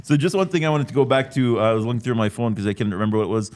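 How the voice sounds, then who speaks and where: A man's voice: medium pitch, racing, darkish tone. A man co-hosting a casual wrestling podcast, talking enthusiastically. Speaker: podcast co-host. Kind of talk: casual chat.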